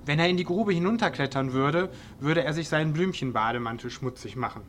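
A man's voice: a little high, a little fast, fairly bright tone, a little hiss or hum. A man reading his own comic story aloud in a dry, wry storytelling manner. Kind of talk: audiobook narration.

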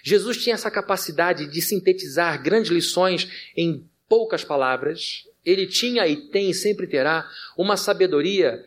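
A male pastor telling a lively personal anecdote in a sermon to his church, with a Brazilian Portuguese accent. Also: sits high, normal speed, hardly any pauses. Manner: lively anecdotal, addresses congregation as dear ones. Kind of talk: storytelling sermon.

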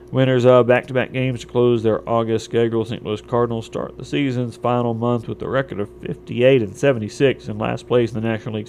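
A man's voice: medium pitch, darkish tone, a little hiss or hum. A man reading a scripted local radio sports and weather newscast as a station announcer. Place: radio studio.

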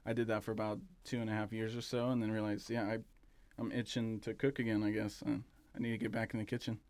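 A man talking as an interview guest about his café, relaxed and rambling, with plenty of fillers and restarts. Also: lowish voice, fast, no echo. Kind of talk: casual interview chat.

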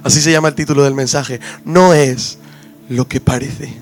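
A man's voice: medium pitch, fairly even intonation, moderate pace, faint music behind. A man preaching as pastor, reading scripture, praying and giving an emphatic sermon that repeats its key phrases.

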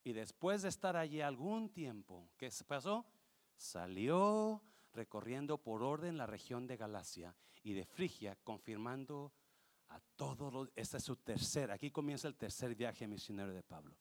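A male pastor, preaching a passionate sermon that swings from quiet explanation to shouting, with English words mixed in. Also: medium pitch, very animated, moderate pace.

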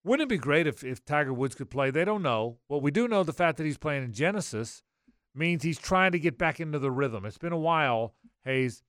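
A man's voice: a little high, lively intonation, fairly quick, fairly bright tone, clean tone, no echo, studio quality. A man hosting live sports talk radio, emphatic and often repeating his phrases.

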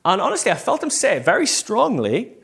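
This preacher from Northern Ireland has a high-sitting voice that is gravelly, husky and a bit bright, with huge pitch swings and a fairly quick pace. His sermon is informal and conversational, built on personal stories, self-quotes and short acted-out exchanges.

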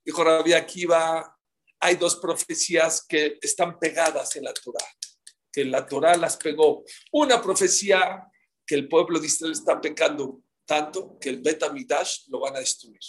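A man's voice: a little high, moderate pace, slight background noise. A man teaching a live Talmud class, telling the stories dramatically and firing rhetorical questions at his listeners.

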